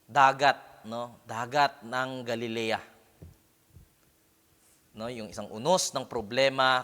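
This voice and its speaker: A man's voice: mid-range voice, sharp tone, smooth. A man preaching a sermon as pastor, often checking in with the congregation with a questioning "Amen?" or "No?" and slipping English words into his talk. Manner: punctuates phrases with questioning "Amen?" and "No?". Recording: long hall reverb.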